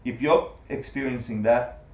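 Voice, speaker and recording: A man teaching a Buddhist class live to an audience, animated, full of rhetorical questions and often laughing. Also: medium pitch, a little slow. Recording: roomy, distant, muffled livestream audio.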